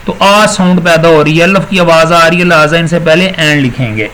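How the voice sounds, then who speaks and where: High-voiced male teacher. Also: fairly bright tone, slight background noise, low-quality recording. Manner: explains step by step, repeats words slowly, praises students. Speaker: English teacher. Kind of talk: recorded classroom lecture.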